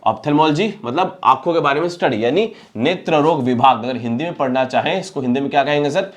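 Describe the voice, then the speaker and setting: Indian guy teaching vocab, asks then answers himself, says each word slow. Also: fairly high pitch. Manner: asks and answers his own questions, repeating each word slowly. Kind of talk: classroom-style lesson.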